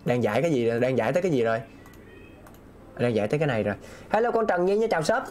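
A man's voice: mid-range voice, animated, very fast, darkish tone, slight background noise. Man muttering through puzzles. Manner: talks himself through puzzles, repeating phrases aloud and reading chat. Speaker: game streamer. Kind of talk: live gameplay commentary.

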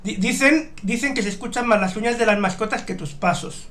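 A man's voice: high voice, brisk, fairly bright tone, slight background noise. A man in his thirties hosts a casual streamed interview, telling a rambling story and reading out viewer questions through his headset. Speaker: show host. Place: home streaming room.

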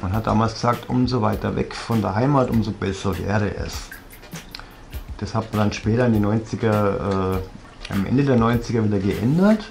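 Seated on a leather sofa in his living room, a Bavarian-accented vlogger in his forties from southern Germany tells a personal story, blunt and reflective, rambling with frequent fillers. A fixed camera captures him at close range. His fairly low voice moves at a moderate pace with vocal fry and a slightly mellow tone over soft background music.

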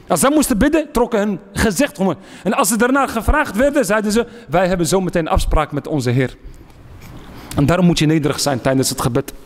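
High, lively-voiced man preaching in a hall. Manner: emphatic, repeats key phrases, asks and answers his own questions. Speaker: speaker giving a religious lecture. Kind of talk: sermon. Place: lecture hall.

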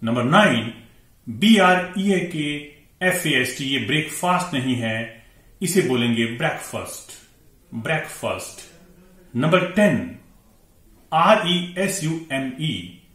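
Guy teaching english words, spells em out then says em again slowly, fairly high voice, really echoey room. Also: animated, fairly bright tone. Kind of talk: pronunciation lesson.

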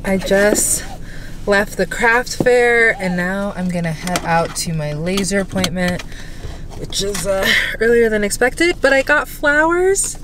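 Amid heavy background noise, a young woman speaks in a medium-pitched voice with lively intonation and a measured pace. Stuffy-nosed, she vlogs her day to a handheld camera at arm's length in her apartment and later a parked car, rambling chattily with plenty of fillers.

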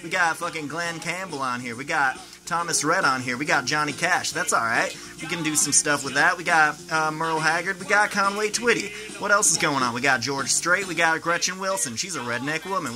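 In his small home kitchen, a twenty-something host of a comedic cooking show riffs in slangy, profane, self-mocking style over background music and frying food. He talks at a moderate pace with barely a pause, his voice on the high side.

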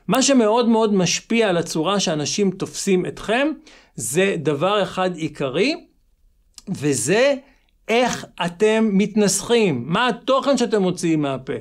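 An Israeli-accented man speaks in a high voice with a marked creak in it. He teaches like a motivational coach, exhorting the listener emphatically and repeating short phrases to drive each point home. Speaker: English teacher and channel host. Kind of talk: motivational lesson to camera.

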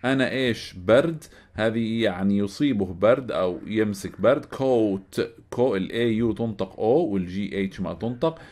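A man's voice: fairly low pitch, a little mellow. A man explaining an English workbook lesson, spelling words out letter by letter and repeating each phrase. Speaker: English teacher.

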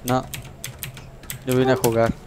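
A man's voice: mid-range voice, monotone, slow pace. Blunt man with a Mexico City accent. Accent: Mexico City Spanish. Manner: blunt, profane, incredulous. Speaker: online game player. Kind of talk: casual game voice chat. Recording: loud background noise with keyboard clicks.

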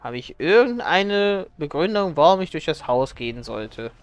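A male vtuber streamer gives casual game commentary, thinking aloud as he goes. His voice sits slightly high and is clean and smooth, with faint music behind it. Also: big pitch swings, normal speed, dry recording. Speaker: livestreamer playing a zombie game. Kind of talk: casual German let's play commentary.

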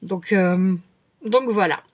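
A woman's voice: medium pitch, takes it slowly. A middle-aged woman, chatting casually at home as she answers her viewers' comments, rambling with many fillers and restarts. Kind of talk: casual chat. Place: home, indoors.

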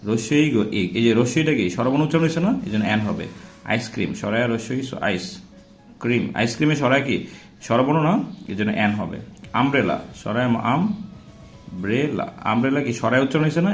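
A male grammar teacher with a medium-pitched voice walks through a lesson in a relaxed classroom style, spelling out and repeating example words and often asking rhetorical check-in questions. He sounds animated and fast. The room is roomy with a clear echo, and soft music plays behind him.

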